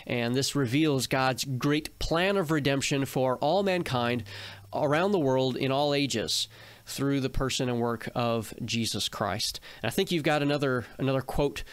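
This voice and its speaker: Male co-host, mid pitch, dry close sound, explains in long stretches. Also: a little slow, clean tone, no room sound. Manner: explains in long runs, speeding up at times. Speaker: podcast co-host. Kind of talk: theology discussion podcast.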